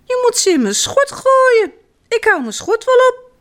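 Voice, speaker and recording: A bossy, eager little girl from a children's storybook, put on by a woman reading aloud. The voice jumps far above the reader's own, sharp and insistent. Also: very high-pitched, big pitch swings, unhurried, voice pushed up, heavily acted.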